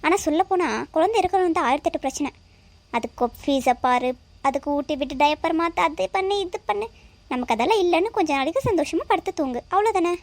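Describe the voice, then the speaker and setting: A defensive, sharp-tongued young cartoon husband who argues back and lectures, voiced by a woman. Her voice runs high for him. The sound is close and dry. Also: expressive, quick pace, dry recording. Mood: lecturing. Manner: argumentative, lectures his wife.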